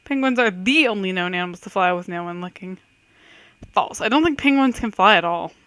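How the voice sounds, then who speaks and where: A woman's voice: medium pitch, expressive, a little fast, a bit bright, no echo. A woman giving casual, chatty commentary on a quiz game, reading questions aloud and reacting with self-doubting thoughts. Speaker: host of a let's-play quiz video.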